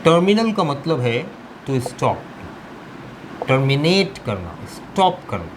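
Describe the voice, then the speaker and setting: A man teaching a lesson, taking his time over each phrase and dropping English terms into his explanation. He speaks at an unhurried pace. Air conditioning and traffic hum steadily behind him. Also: medium pitch, very animated. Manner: slow, deliberate teaching with mixed Hindi-Urdu and English.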